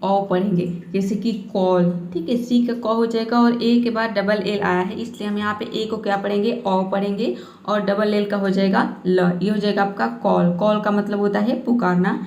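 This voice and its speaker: A woman teacher giving a patient pronunciation lesson, repeating each word slowly and checking in often. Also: mid-range voice, fairly even intonation, a little mellow, echoey room. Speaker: English teacher. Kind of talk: Hindi-language pronunciation lesson.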